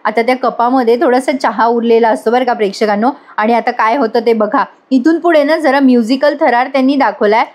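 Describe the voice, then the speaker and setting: A woman's voice: fairly high pitch, a little fast, hardly any pauses, darkish tone. Chatty woman recapping a serial. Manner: chatty, addresses viewers directly. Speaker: voice-over serial reviewer. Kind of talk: casual episode recap narration.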